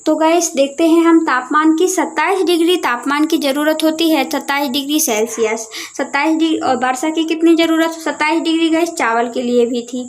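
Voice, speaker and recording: Woman teacher, high voice, talks viewers through a map, answers her own questions. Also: fairly quick, few pauses. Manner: asks questions and answers them herself; keeps addressing viewers as guys. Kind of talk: explaining a lesson over a map.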